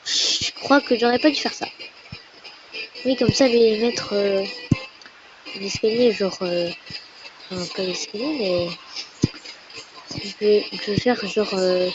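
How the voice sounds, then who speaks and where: A woman giving casual, chatty and playful commentary while playing a game, with sudden excited squeals. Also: mid-range voice, slow pace, pauses often. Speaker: gamer. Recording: dull lo-fi recording with faint noise.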